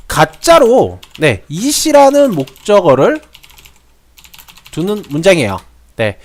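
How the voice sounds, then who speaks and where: A young man who teaches English grammar to students, talking in a chatty way, repeating phrases and asking rhetorical questions. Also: high-pitched. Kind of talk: explanatory grammar lesson.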